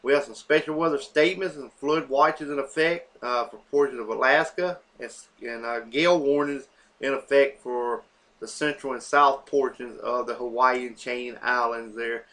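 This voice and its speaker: With a mid-range, fairly bright voice at normal speed, a man walks through weather maps without a script. He names a series of places while stumbling over fillers and self-corrections along the way.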